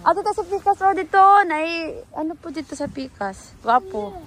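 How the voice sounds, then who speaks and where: A woman's voice: extremely high pitch, sing-song, normal speed. A woman vlogging a family outing outdoors, chatty and coaxing her toddler as she talks. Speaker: family travel vlogger, mother. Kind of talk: casual vlog narration and talking to her child. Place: outdoors by the seaside.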